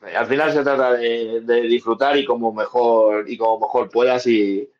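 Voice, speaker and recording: A man's voice: mid-range voice, fairly even intonation, normal speed. A man who is a guest in a podcast chat, laughing often and explaining at length. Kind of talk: casual chat. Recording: dull remote audio.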